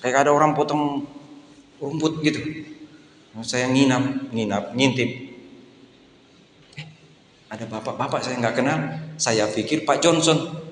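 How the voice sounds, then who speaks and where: A man's voice: medium pitch, measured pace, pauses often, a little hiss or hum. A middle-aged male pastor preaching a sermon, telling stories and acting out the people in them. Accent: Indonesian. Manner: anecdotal, jokey, acts out quoted voices. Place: church hall. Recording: echoey church hall with long reverb.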